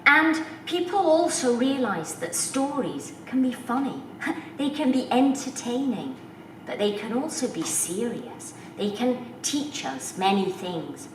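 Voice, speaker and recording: A woman telling a folk tale to children in an unhurried, expressive way, speaking directly to her listeners. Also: fairly high pitch, distant mic, slight background noise. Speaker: storyteller. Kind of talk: storytelling for children. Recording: roomy echo, voice from off the mic, faint background.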